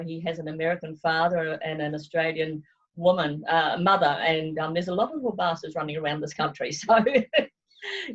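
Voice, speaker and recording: Over a muffled, lo-fi video call, a New Zealand travel agency owner chats through a remote interview. Her voice is on the low side, and she comes across as lively and digressive, laughing a lot.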